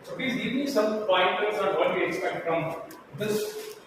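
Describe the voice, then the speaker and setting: A man's voice: high voice, unhurried. A middle-aged man giving an informal, interactive lecture, conversational and often checking with his listeners. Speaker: guest lecturer from industry. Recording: echoey hall, distant mic, noisy background.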